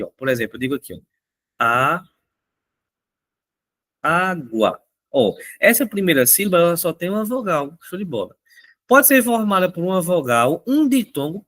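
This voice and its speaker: A man's voice: high voice, fairly bright tone. Upbeat man teaching. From Brazil. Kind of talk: recorded exam answer walkthrough.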